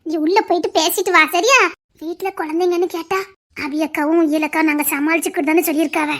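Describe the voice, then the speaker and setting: A very high, light-voiced young sister-in-law, played by a woman who soothes and coaxes with soft affection. She is caring and a little playful, speaking gently in this audio drama. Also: fairly even intonation, fast. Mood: soothing.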